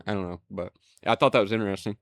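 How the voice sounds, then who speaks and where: A man's voice: on the low side, fairly even intonation, racing, a bit bright, dry recording, studio quality. A man co-hosting a casual chat, telling stories and ranting with lots of swearing. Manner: profane, ranting storyteller. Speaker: podcast co-host.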